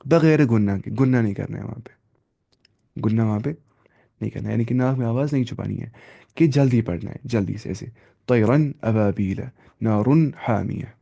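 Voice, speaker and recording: Gravelly-voiced man teaching Quran reading. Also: mid-range voice, mellow. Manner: slow drawn-out letter-by-letter drilling. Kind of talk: live online tajweed lesson.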